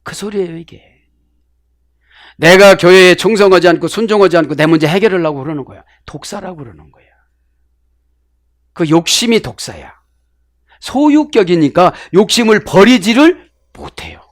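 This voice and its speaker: A middle-aged man preaching with animated swings from loud outbursts to hushed asides. His voice sits a bit high for a man. The sound is dry and close, with no room echo. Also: normal speed, long pauses. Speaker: pastor. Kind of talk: sermon with Bible word study.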